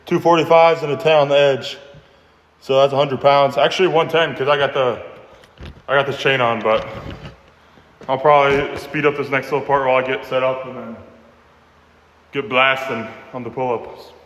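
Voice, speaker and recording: A man's voice: mid-range voice, steady tone, moderate pace, long pauses, a bit bright, lo-fi sound. A young man vlogging his workout in a gym, chatting to the camera and explaining each step as he goes. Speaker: fitness vlogger. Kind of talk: casual workout vlog. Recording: echoey room with long reverb.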